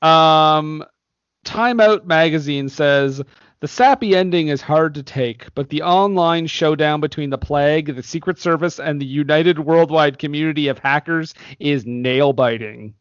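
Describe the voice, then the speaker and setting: A man's voice: on the high side, unhurried, smooth, dry recording, dull audio. A man co-hosting a casual movie podcast, reading critics' reviews aloud and laughing often. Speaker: podcast co-host.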